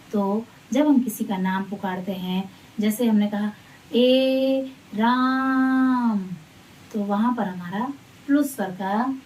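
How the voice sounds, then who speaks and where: A woman teacher giving a grammar lesson to children, reciting letters and definitions slowly and patiently. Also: medium pitch, warm tone, distant mic, low-quality recording.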